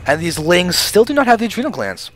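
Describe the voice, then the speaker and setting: A man casting a strategy video game match alone, a mostly flat play-by-play with frequent fillers and sudden jumps in excitement. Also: high voice, quick pace, soft background music. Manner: self-described monotone even when excited; frequent fillers and restarts, swings between flat and hyped. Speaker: esports caster. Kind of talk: solo play-by-play game commentary.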